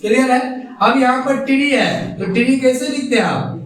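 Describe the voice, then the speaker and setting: A man's voice: very high voice, moderate pace, slight background noise. A male teacher giving a classroom grammar lesson, asking his students questions and then answering them himself. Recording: echoey room, far from the mic.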